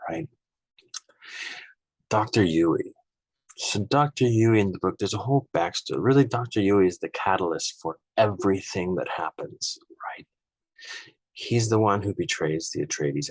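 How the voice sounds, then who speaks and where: A man's voice: deep voice, dry recording, low-quality recording. A man casually comparing films, rambling and conversational, frank and opinionated, often ending his points with "right?". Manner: frank and opinionated, easily irked. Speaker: film reviewer. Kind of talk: casual spoken film comparison.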